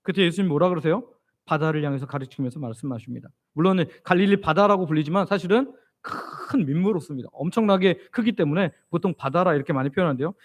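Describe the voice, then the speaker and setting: A man preaching an expository sermon as pastor, asking his congregation questions and answering them himself. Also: high voice. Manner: leads the congregation in reading scripture aloud.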